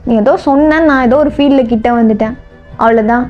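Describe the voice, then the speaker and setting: A woman's voice: on the high side, fast talker, highs cut off, faint music behind, lightly acted. A woman voicing a brusque, teasing young man in a storybook role-play, talking bossily and curtly. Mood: gruff. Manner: gruff, bossy, teasing.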